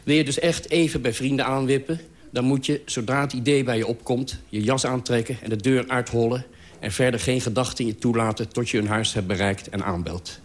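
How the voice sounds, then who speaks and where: A man's voice: medium pitch, fairly even intonation, brisk. A man reading out a humorous, self-mocking radio column in a dry, wry manner.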